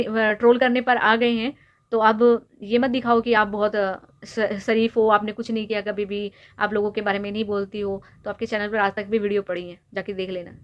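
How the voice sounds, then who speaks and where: A young woman vlogger lecturing and scolding someone directly to camera, repeatedly pressing her points home with rhetorical questions. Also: medium pitch. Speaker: YouTube vlogger. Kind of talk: direct-to-camera opinion rant.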